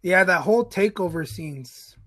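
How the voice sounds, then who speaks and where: Husky man making laid-back remarks. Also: sits high, expressive, moderate pace, sharp tone. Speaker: podcast guest. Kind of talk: casual chat.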